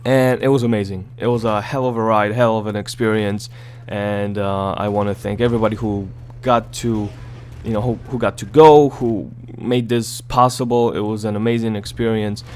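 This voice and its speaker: A man's voice: lowish voice, steady tone, moderate pace, a little mellow, slight background noise. A man giving casual, rambling gameplay commentary in a groggy morning voice, repeating words and swearing now and then. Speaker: gaming YouTuber.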